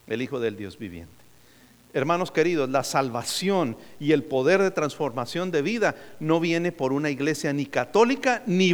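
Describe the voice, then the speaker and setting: A man preaches a sermon in a fairly high voice. He keeps drawing the congregation in with questions and light jokes. His words ring out with a long reverb, as in a church sanctuary. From United States. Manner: preaching, calling on the congregation for answers, joking asides. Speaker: pastor.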